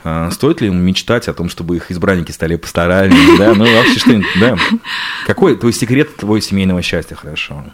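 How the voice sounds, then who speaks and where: A man's voice: low-pitched, animated, fairly quick. A man hosting a radio studio interview, asking playful, teasing questions. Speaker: radio host.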